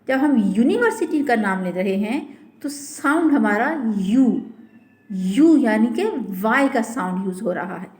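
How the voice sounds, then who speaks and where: A woman teaching an English grammar lesson to a school class, explaining step by step and repeating example words slowly. She asks questions and answers them herself. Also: high-pitched, roomy sound.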